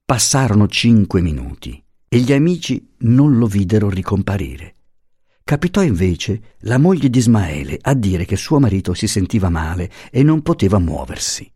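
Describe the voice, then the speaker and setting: A man reads a classic novel aloud in a measured, expressive way. His voice is low and swings widely in pitch, and the recording is dry and close with no room sound. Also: breathy edge, dry recording. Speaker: audiobook reader. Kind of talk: scripted narration.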